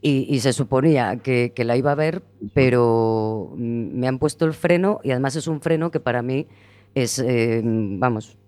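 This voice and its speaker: A man's voice: medium pitch, moderate pace, darkish tone, no echo. A man hosting a casual podcast chat, talking at length with many hesitations and fillers. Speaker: host.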